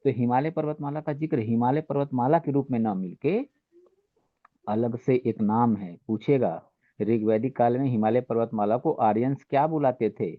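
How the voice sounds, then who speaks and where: A man's voice: medium pitch, moderate pace, dry recording. A man teaching an exam-prep lesson, asking questions and answering them himself, with "ठीक है" after nearly every point. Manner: repeats "ठीक है" constantly, asks and answers own questions. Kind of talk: exam-prep lecture in Hindi with English terms. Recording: dry, phone-like narrow sound.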